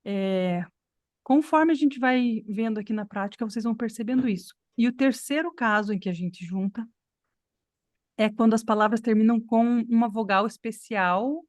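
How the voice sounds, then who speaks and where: A woman's voice: fairly high pitch, normal speed, darkish tone, dry recording, clean studio sound. A woman from Brazil teaching an online English class, explaining patiently and checking in with her students. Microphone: computer mic on video call.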